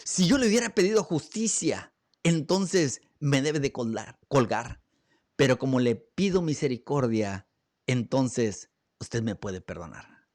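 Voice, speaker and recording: A man voicing a humble condemned man, speaking calmly and with resignation, low and quiet. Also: unhurried, no echo, clean studio sound.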